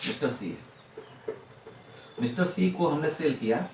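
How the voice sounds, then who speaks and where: A man's voice: fairly high pitch, animated, a little slow, vocal fry. A man teaching accounting in a classroom lecture, repeating points and answering his own rhetorical questions. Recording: echoey room, distant mic, faint noise.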